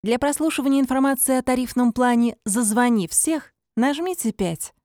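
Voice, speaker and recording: A woman reading scripted phone menu prompts in a measured, formulaic announcer's manner. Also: fairly high pitch, warm tone, no echo, studio quality.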